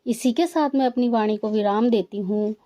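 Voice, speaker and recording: A woman's voice: a little high, normal speed, warm tone. A woman host politely thanking the guest and closing a devotional video with a formal sign-off. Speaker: channel host. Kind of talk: closing announcement.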